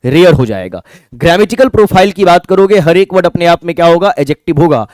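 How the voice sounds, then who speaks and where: A man's voice: a little high, animated, quick pace, darkish tone, no room sound, studio quality. A man teaching English for an exam, explaining step by step and asking and answering his own questions. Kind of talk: classroom lecture.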